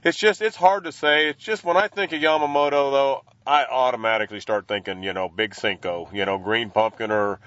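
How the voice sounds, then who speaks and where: A man's voice: mid-range voice, a little fast, hardly any pauses, fairly bright tone, no echo, lo-fi sound. A man speaking as an interview guest in casual, folksy, slangy language, explaining things informally. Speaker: professional angler, interview guest.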